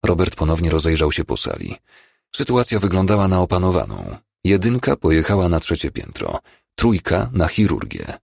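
A man reading a novel aloud as an audiobook narrator, in an expressive way. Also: sits low, moderate pace, gravelly, slightly rough, no echo, studio quality. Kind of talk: scripted narration.

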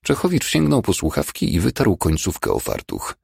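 A man reading a novel aloud as an audiobook narrator, in an expressive way. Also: deep voice, moderate pace, vocal fry, breathy edge, no room sound, clean studio sound. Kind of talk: scripted narration.

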